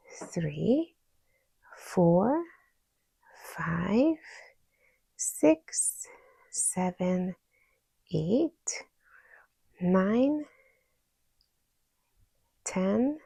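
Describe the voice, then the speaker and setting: Slow-talking Hungarian-accented woman, gravelly low voice. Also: a little mellow, no room sound. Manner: slow, patient, talks through each stitch aloud. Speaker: crochet tutorial host. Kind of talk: step-by-step craft tutorial.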